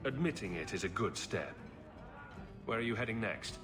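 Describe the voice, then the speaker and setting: A man voicing a confident male hero who speaks calmly and teases dryly. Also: on the low side, normal speed, lightly acted. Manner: calm, dryly teasing. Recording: game cutscene with music behind.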